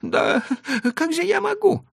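Man putting on a squeaky fretful horse trader, whining, gravelly edge, dry close sound. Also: huge pitch swings, slow, no echo, heavily acted. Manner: high whining pleading voice. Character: timid anxious male horse trader, fretful. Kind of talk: audiobook character voice.

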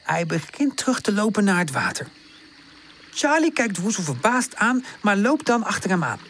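A woman narrating a children's audiobook in an expressive storytelling manner. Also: mid-range voice, normal speed, slight background noise.

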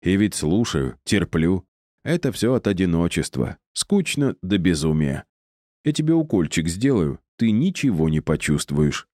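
A man's voice: deep voice, big pitch swings, a little slow, dark tone, dry recording, clean studio sound. A man voicing a lonely, cruel old wizard who talks in a patronizing, mocking way.

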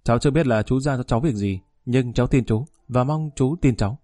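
A man's voice: medium pitch, fairly quick, dark tone, dry recording, clean studio sound, natural voice. A man voicing an eager, anxious young male bank security guard who pleads in a jumpy way.

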